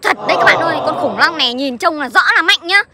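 A woman's voice: high-pitched, lively intonation, quick pace, a loud crowd. A woman presenting toys to viewers in a chatty, show-off playful manner. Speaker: young toy-show presenter. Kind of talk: playful toy play chat.

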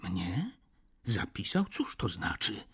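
A fretful old shop clerk as a man reads him in an audiobook, voice low and often dropped to a half-whisper. He sounds uneasy and questioning. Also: big pitch swings, slow, sharp tone, slightly rough, heavily acted. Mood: astonished. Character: anxious older male shop clerk, narrator of the diary. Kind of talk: audiobook character reading.

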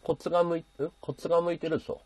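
A man's voice: on the high side, monotone, rapid-fire, darkish tone, no room sound. A man hosting a casual livestream from his bedroom, chatting and thanking his viewers as he reads their comments. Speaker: livestream host. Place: bedroom at home.

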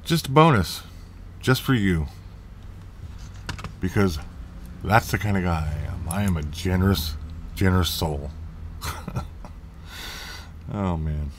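Slow, low-voiced man rambling through a tutorial. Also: lively intonation, slight background noise. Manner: rambling, self-correcting, jokey asides. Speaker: tech tutorial host. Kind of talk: casual screen-recorded tutorial.

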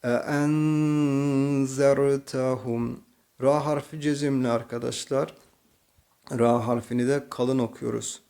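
A man with a Turkish accent teaching slow Quran reading, patiently explaining each letter and then reciting the words slowly and drawn out. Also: mid-range voice, fairly even intonation, gravelly, darkish tone. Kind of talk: slow tajweed reading lesson.

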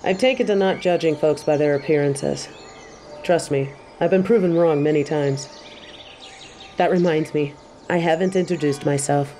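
Woman doing a stern but kind tigress kung fu master, low-key mellow voice, roleplay audio, faint ambient noise behind. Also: natural voice. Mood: calm, formal. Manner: measured, composed, speaking directly to the listener. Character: stern, warm-hearted female tiger kung fu master. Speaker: voice actor in a fan roleplay audio. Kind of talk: scripted roleplay addressed to the listener.

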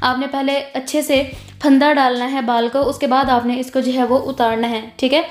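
A woman's voice: high-pitched, level tone, moderate pace, reverberant, soft background music. A woman, giving a beauty tutorial voice-over in an instructive way, mixing in English words. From Pakistan. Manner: instructive, repeats "jo hai", mixes English words. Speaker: beautician teaching eyebrow threading.

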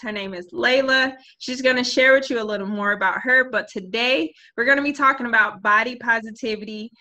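A woman in her thirties hosting a podcast over a video call from a small home room, chatty and quick to laugh. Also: on the high side. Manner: warm, chatty, laughs often. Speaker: podcast host. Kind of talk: casual interview on a video call.

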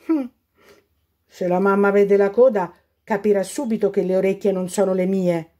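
A woman's voice: fairly even intonation, moderate pace, mellow, natural voice. A woman voicing a little girl in a storybook who has stopped listening, crying out in distress. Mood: fretful. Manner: high, cries out in distress.

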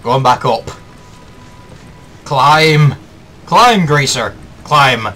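A man's voice: medium pitch, faint music behind. A man joking and calling out moves while piloting a ship in an online game. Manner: joking, excitable, quick reactions. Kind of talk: casual gaming chatter.

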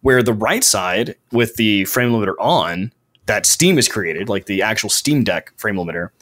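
A man's voice: fairly low pitch, expressive, normal speed, fairly bright tone. A man hosting a podcast, chatting casually about gaming news with lots of fillers and restarts. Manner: rambling, many fillers and restarts. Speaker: podcast host.

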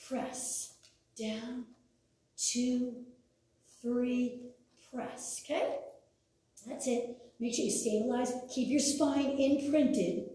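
A woman's voice: on the high side, warm tone. A middle-aged woman leading an exercise class as an aerobics instructor, cueing reps with short, encouraging commands, recorded by a distant camera in a studio. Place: large indoor exercise studio with hard floor. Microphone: far camera. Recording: roomy echo, distant camera mic.

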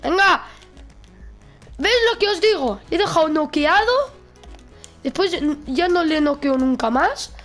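A woman narrates her gameplay in a casual, excitable way. She exclaims loudly and laughs at what happens on screen, while faint music plays behind her. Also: very high-pitched, normal speed. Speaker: gaming YouTuber.

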